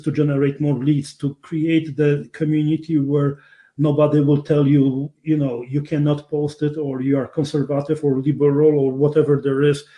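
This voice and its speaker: A Polish-born man with a Polish accent hosts an online webinar in a mellow, fairly high voice. He tries to persuade his audience and keeps checking in with them by asking "right?".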